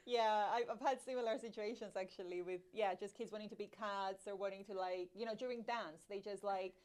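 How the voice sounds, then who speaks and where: A woman's voice: mid-range voice, steady tone, a little fast, a little mellow. A woman co-hosting a casual chat, telling anecdotes with many fillers and laughing. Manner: storytelling, hesitant with fillers, laughs often. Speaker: podcast co-host, workshop facilitator.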